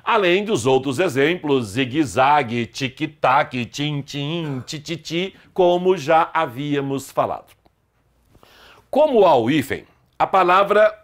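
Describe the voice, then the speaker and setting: Brief: middle-aged Brazilian man, online grammar teacher, slightly high voice, emphatic and explanatory. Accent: Brazilian Portuguese. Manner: explanatory, emphatic, lively pitch swings on example words.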